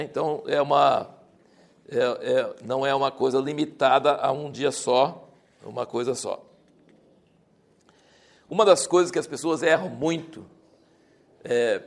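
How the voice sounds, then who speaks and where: A man with a gravelly, somewhat high voice teaches a Bible class. He talks conversationally, explains terms and often restarts his sentences. He pushes into louder, emphatic stretches as he makes his points.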